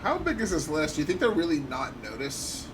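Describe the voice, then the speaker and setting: A man's voice: a little high, huge pitch swings, brisk, far from the mic. A man giving casual, playfully mocking commentary while he plays a video game. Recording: off-mic, with clear game noise behind.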